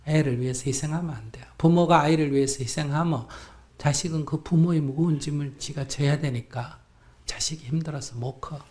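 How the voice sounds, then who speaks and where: A Buddhist monk with a Gyeongsang accent, animatedly answering a questioner in a live dharma talk and acting out both sides of conversations. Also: male voice, on the high side, brisk, darkish tone. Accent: Gyeongsang Korean.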